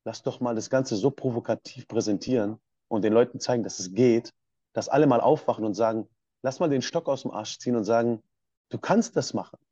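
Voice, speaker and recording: A man from Swabia tells his own story as a podcast guest, quickly and with passion. His voice is dark and a little husky. The recording is dull and dry, with no room sound. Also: medium pitch, no room sound. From Swabia, Germany. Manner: passionate, emphatic. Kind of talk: personal storytelling.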